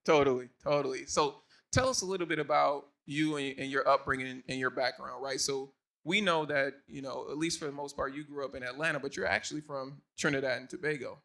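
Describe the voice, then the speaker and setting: A man's voice: medium pitch, steady tone, brisk, creaky, a bit bright. A man hosting a casual onstage interview, calling to the crowd as y'all in an upbeat way. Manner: hyped, addresses crowd as y'all. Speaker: interview host. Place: stage before a live audience.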